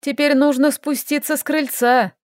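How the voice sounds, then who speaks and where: A woman voicing a stubborn, feisty young heroine who bickers and exclaims in quick, sharp lines, read from an audiobook. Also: high voice, fairly even intonation, no echo, studio quality, pitched above the performer's own voice, lightly acted.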